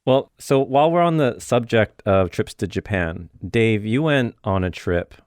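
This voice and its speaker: A man hosting a podcast, relaxed, laughing along and prompting his guest in casual chat. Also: fairly low pitch, measured pace, clean tone, no echo. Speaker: podcast host.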